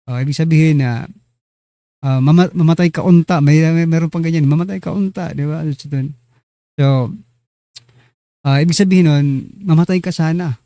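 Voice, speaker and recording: A man's voice: a little high, steady tone, normal speed, pauses often, warm tone, no echo. A man hosting a casual political commentary show, chatty and teasing as he talks straight to his viewers. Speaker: online news commentary host.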